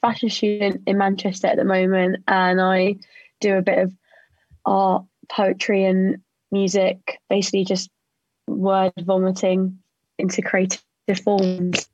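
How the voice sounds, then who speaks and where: Flat-voiced twenty-year-old woman. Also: medium pitch, measured pace, no echo, lo-fi sound. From England. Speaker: panelist. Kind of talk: panel discussion.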